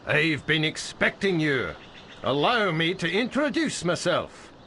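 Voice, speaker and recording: Obsequious flowery schemer, bright and sharp, fairly high, animated lilt. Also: male voice, unhurried, a little hiss or hum, full character voice. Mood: ingratiating. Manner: flowery, obsequious, stammering when flustered. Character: fawning, nervous man recruiting a hero. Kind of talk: video game cutscene acting.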